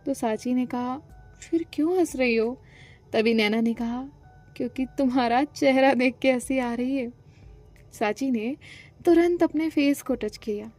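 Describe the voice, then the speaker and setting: A woman narrating a romantic audio story, reading the characters' lines in her own voice. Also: sits high. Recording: soft music behind the voice.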